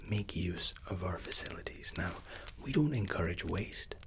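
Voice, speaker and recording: A man doing an ASMR role-play, speaking in a soft, unhurried, courteous whisper as hotel and spa staff. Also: low voice, animated.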